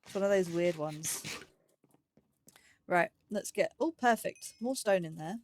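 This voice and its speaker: A gaming YouTuber hosting a let's play series gives casual commentary in a lowish voice at a measured pace. She chats and muses aloud, often poking fun at herself.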